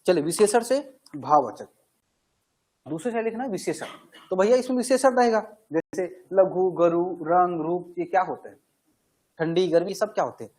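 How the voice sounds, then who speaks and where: Male grammar teacher, high husky voice, asks and answers his own questions. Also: moderate pace, a little mellow, rough recording. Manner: conversational, asks questions and answers them himself. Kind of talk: classroom grammar lesson.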